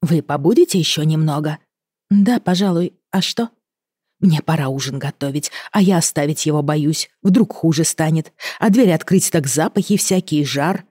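A woman putting on a kind older housemaid, soft and motherly, fussing and sighing. The tone is mellow and the sound is dry and close. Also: low-pitched, normal speed, slightly rough, no room sound.

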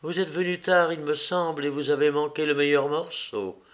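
Man reading anguished young noblewoman, higher pitched, slow, loud and tearful. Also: vocal fry. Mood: teasing. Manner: raised, pleading and tearful. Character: distraught young noblewoman, passionate and reproachful. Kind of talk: audiobook character reading.

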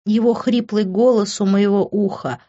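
Woman narrating an audiobook, steady emotional read, slightly muffled lo-fi sound. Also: mid-range voice, normal speed. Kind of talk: first-person audiobook narration.

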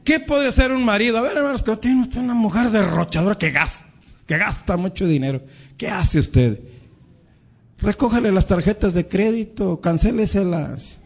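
A man's voice: sits high, normal speed, breathy edge. Man, Mexican accent, pastor, sermon, plays out couples' quarrels, dull muffled recording. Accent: Mexican Spanish. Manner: lively preaching, acts out spouses' quarrels, addresses the congregation as brothers.

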